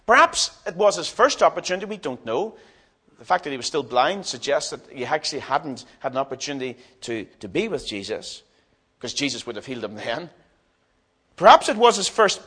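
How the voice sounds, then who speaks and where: A man's voice: on the high side, pushed and bright, slightly rough. A man preaching a sermon in a dramatic, emphatic way, repeating phrases for stress and speaking to his listeners directly.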